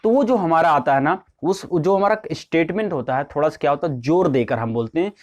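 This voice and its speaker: A man's voice: fairly high pitch, animated, brisk. A man from India teaching an English grammar lesson, explaining step by step and asking and answering his own questions. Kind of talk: casual classroom lesson.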